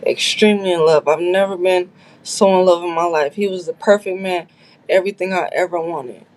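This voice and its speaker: A woman's voice: fairly low pitch, steady tone, brisk, darkish tone. Woman guest, blunt and candid, recounting her story in a casual chat. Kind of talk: casual livestream interview.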